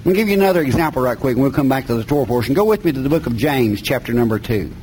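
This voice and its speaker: A man's voice: mid-range voice, animated, very fast, darkish tone, slight background noise, poor audio. A middle-aged man from the North Carolina mountains with an Appalachian accent, preaching a sermon and reading scripture in a folksy, plain-spoken way with colloquial grammar. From mountains of North Carolina, USA.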